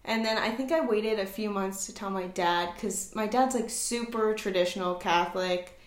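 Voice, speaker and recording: A woman's voice: medium pitch, normal speed. A woman in her twenties, a podcast guest telling personal stories in a casual, chatty way with many fillers. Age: 20s. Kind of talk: casual storytelling chat. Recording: roomy echoey room.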